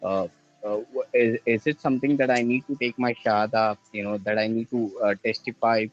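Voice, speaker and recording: Man, caller, halting, full of restarts, dull lo-fi call line, faint music behind. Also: mid-range voice, fairly even intonation. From India. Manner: halting, searching for words, many restarts. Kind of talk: call-in question to a religious show.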